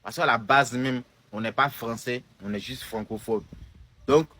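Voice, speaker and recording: The voice is mid-range, unhurried, pushed and bright: a young content creator from Côte d'Ivoire with an Ivorian French accent. Responding to a comment in a casual video, he speaks emphatically and keeps repeating or restarting phrases.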